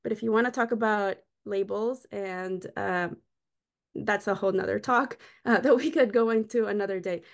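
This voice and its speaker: Speaking at normal speed in a mid-range voice with vocal fry, a middle-aged woman from Costa Rica presents a slide lecture over a video call. She explains things in a friendly way from a small room, picked up by her webcam.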